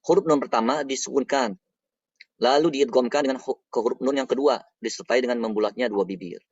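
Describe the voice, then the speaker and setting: A man teaching the rules of Quran recitation in a patient, explanatory manner, repeating each point slowly. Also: medium pitch, a little mellow, breathy edge, no echo. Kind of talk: explanatory lesson. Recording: dull, dry lo-fi recording.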